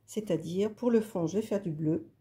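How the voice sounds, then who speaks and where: A woman's voice: medium pitch, moderate pace, warm tone. A woman hosting a casual craft video, talking through her work in a chatty, hesitant way with many fillers. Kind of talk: casual craft tutorial talk.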